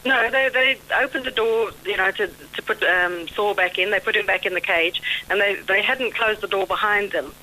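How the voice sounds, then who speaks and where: A woman's voice: mid-range voice, moderate pace, hardly any pauses, bright, forceful tone, low-quality recording. A woman with a South African accent calling a radio show, telling her story hesitantly with many ums. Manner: hesitant, full of ums, laughs easily. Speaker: caller. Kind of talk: phone-in call.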